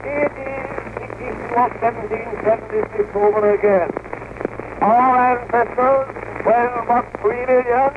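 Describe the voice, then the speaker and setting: High-voiced male orator declaiming a campaign speech on an old wax cylinder recording, with heavy hiss. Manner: declamatory, shouting into a recording horn. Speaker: political candidate. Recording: scratchy hissing tinny cylinder recording.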